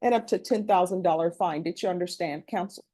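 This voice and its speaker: A woman's voice: on the low side, mellow. Woman judge on a courtroom recording. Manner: brisk, formal, reads set questions. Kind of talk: formal plea admonishments.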